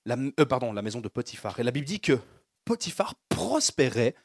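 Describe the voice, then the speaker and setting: Husky, lively French-speaking preacher man. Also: medium pitch, brisk, dry recording, studio quality. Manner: call-and-response preaching with rising fervor. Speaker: pastor. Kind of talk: sermon.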